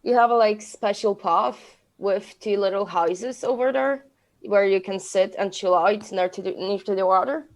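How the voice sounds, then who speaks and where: Polish woman podcast co-host, mid pitch, halting non-native phrasing, casual. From Poland. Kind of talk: casual chat.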